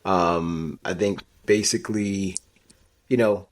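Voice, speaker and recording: A man's voice: sits low, slow pace. A man hosting a casual sports betting podcast, rambling with lots of fillers and restarts. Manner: rambling, filler-heavy, animated when riffing. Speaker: podcast host.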